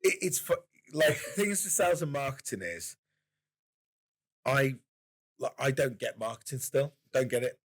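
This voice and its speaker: A man's voice: medium pitch, animated, measured pace, long pauses. A man co-hosting a podcast in casual chat, musing aloud with a lot of hedging and wry humor. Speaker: podcast co-host.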